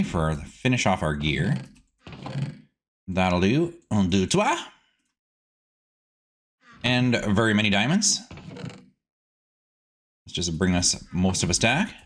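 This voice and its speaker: With a deep, very animated voice at a measured pace, this gaming host pauses often against slight background noise. He gives casual let's-play commentary, chatting playfully to himself as he plays, with silly words and sing-song asides.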